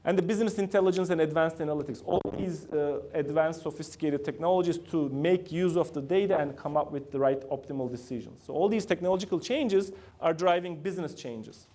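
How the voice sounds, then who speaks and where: Lecturing to students in a university room as a guest, a middle-aged Turkish-accented man keeps asking the audience questions and uses loose grammar. His fairly high, mellow voice moves briskly with hardly any pauses.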